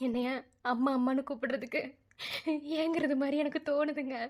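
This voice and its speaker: This is a grieving mother in an animated drama, voiced by a woman. Her voice sits high, and she pleads with steady insistence that her son still lives. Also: a little fast, lightly acted. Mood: sorrowful. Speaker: cartoon voice actor.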